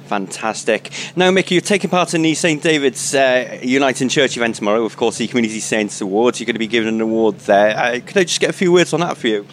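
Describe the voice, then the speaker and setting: A man's voice: medium pitch, quick pace, few pauses. A male local radio presenter interviewing live on location, upbeat and sometimes stumbling over phrasing. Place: on location at a museum event. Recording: faint background ambient noise.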